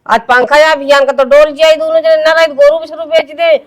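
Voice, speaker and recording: A worried village parent of a wayward child as acted in a comedy sketch. The voice is high, grumbling and complaining, with an Awadhi accent. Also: little pitch movement, fairly quick, natural voice.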